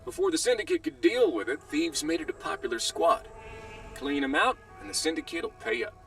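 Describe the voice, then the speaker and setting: A man with a fairly high, gravelly, exaggerated voice speaks a little fast, playing a genial frontier lawman in a western video game cutscene. He is animated, encouraging, colloquial, and folksy, with a businesslike mood, over background music.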